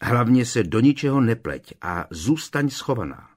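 A determined young wizard speaks quickly and earnestly in the middle of a battle, as a male audiobook reader gives him voice. The tone is lifted a little above the narration and stays close to the reader's own. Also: medium pitch, big pitch swings. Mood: urgent.

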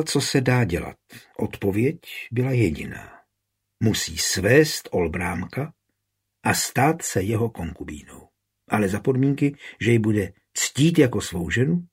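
A man narrating an audiobook with steady, even storytelling. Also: lowish voice, husky.

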